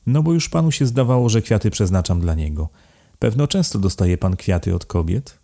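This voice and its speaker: A man's voice: lowish voice, big pitch swings, moderate pace, gravelly, warm tone, exaggerated voice. A male narrator voicing a frank young woman who talks coolly and bluntly in an audiobook. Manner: cool and blunt. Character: cool, frank young woman, a landowner's daughter.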